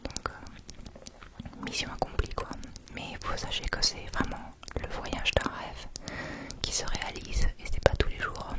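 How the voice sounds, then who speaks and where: Woman whispering, quiet at night. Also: measured pace. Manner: chatty, rambling, informal with repeated words. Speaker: vlogger. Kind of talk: whispered ASMR travel vlog narration.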